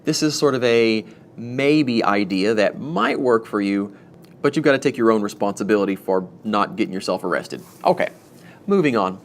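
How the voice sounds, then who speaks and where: A man's voice: on the low side, animated, moderate pace, a little hiss or hum. Chatty, rambling man talking to camera. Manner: rambling, chatty, self-mocking asides. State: jittery from too much coffee. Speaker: homestead channel host. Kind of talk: casual talk to camera.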